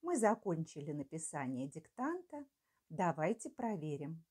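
A woman's voice: sits low, sing-song, a little slow, darkish tone, husky. An older woman teacher dictating a spelling test to schoolchildren word by word, articulating carefully. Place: small furnished room with curtains, indoors.

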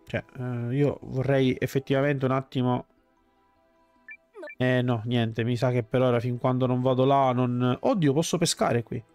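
A man's voice: medium pitch, fairly even intonation, moderate pace, darkish tone, clear, resonant tone. A man giving casual commentary as a gaming streamer. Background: game music.

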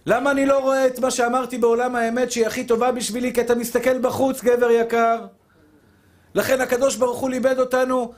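Rabbi guy preaching, really high voice for a man, keeps saying dear brothers, acts out talks with god. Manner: fervent, addresses listeners warmly as dear brothers; acts out imagined dialogues with God. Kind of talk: spoken Torah lesson, sermon.

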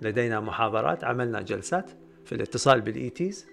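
A man giving a spiritual lecture, repeating phrases again and again and swinging from loud raised bursts down to low murmurs. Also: animated, very fast, vocal fry, soft background music. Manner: repetitive, chanting phrases over and over. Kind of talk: metaphysics lecture to a camera.

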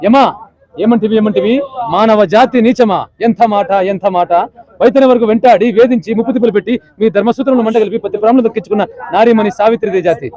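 A man performing a defiant young hero who lectures the god of death in ornate rhetoric. The voice is high and rapid. The recording is muffled and dry. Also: mellow, close to an everyday voice. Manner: rhetorical formal declamation. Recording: dull lo-fi recording.

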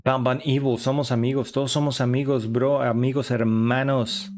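A young man streams a horror game live, offering chatty, upbeat running commentary. His voice is medium-pitched and darkish, with a level tone and moderate pace.

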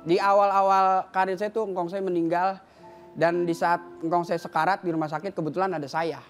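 A man's voice: high voice, flat delivery, brisk, soft background music. Young man telling a stand-up story. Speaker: stand-up comedian. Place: large TV studio stage.

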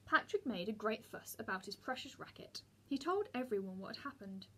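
Brief: teacher reading a children's story aloud, somewhat high and husky. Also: female voice, brisk. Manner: steady storybook reading with small slips.

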